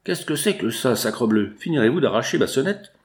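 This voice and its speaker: A man's voice: mid-range voice, expressive, a little fast, darkish tone, natural voice. A man voicing a flustered army captain who gives curt, urgent orders in an audiobook. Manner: urgent, clipped.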